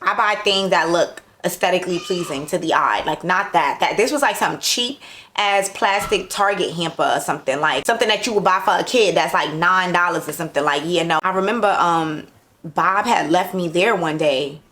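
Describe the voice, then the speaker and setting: A woman's voice: lowish voice, moderate pace. Sassy woman telling a story. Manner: sassy, animated, lots of fillers. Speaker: vlogger. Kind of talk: casual storytime.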